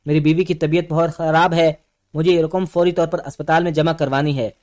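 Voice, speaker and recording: A man's voice: fairly high pitch, flat delivery, a little mellow, natural voice. A man voicing a frightened husband pleading for mercy. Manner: begging, pleading.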